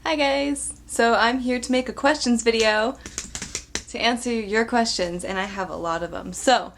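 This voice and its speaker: A woman's voice: a little high, normal speed, vocal fry, slight background noise. A young woman in her twenties from Arizona, chatting bubbly and giggly in a casual Q&A vlog, close to the camera mic. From Arizona, United States. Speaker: vlogger. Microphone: camera mic at close range.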